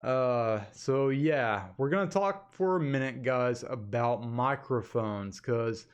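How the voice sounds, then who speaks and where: A man hosting an online channel gives his viewers a casual webcam update from an indoor home office, recorded on a desktop USB condenser microphone. Informal and direct, he keeps calling them "guys." His medium-pitched voice is clear and resonant and he takes it slowly, though the recording sounds muffled.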